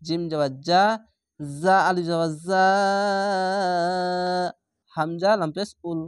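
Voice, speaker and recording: A man teaching Quran reading, spelling out each syllable and then chanting the words slowly with long drawn-out vowels. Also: a little high, level tone, no room sound, studio quality. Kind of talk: slow spelled-out recitation lesson.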